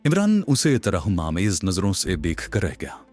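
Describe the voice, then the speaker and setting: A man's voice: sits low, wildly swooping pitch, a little slow, darkish tone. A man narrating a suspense story audiobook, reading with dramatic storytelling. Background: faint music.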